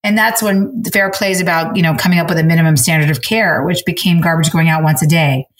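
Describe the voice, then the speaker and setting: A woman hosting a casual conversation, telling stories in an animated way and often speeding up or slowing down. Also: low-pitched, echoey room. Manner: animated, storytelling, rapid shifts in pace. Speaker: host.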